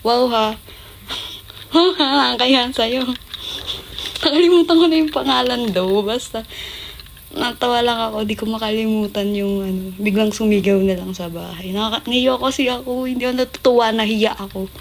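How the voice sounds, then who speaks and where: A woman's voice: a little high, fairly even intonation, moderate pace, gravelly, slight background noise. Chatty young woman telling stories. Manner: chatty, laughing, acts out quotes in a raised voice. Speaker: idol group member on a livestream. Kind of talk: casual livestream storytelling.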